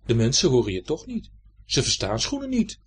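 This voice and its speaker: A man voicing a calm, sensible right shoe in a children's story, low and soothing. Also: brisk, a little hiss or hum.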